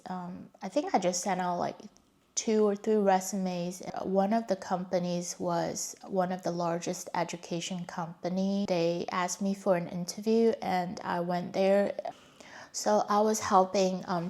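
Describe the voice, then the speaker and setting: Her voice sits on the low side with a darkish tone as this young Chinese vlogger, a native Mandarin speaker with an accent, candidly reflects on her life story.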